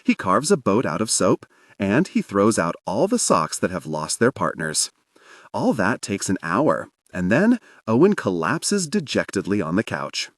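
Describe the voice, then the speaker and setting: A male audiobook narrator with a fairly low voice that swings widely in pitch as he tells the story. The recording is close and dry, with no room sound at all. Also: measured pace, no room sound. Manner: expressive, storytelling.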